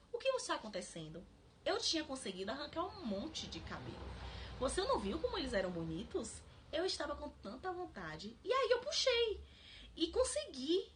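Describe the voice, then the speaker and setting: A woman's voice: high voice, fairly bright tone, a little hiss or hum, full character voice. A woman doing a puzzled little boy. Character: small proud confused little boy.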